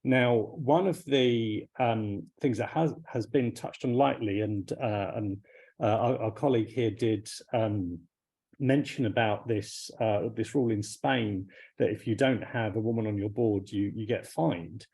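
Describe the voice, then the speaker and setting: Man from the United Kingdom, lowish voice, husky, measured, halting, video call. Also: a little mellow, low-quality recording. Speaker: audience questioner. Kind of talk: online panel discussion.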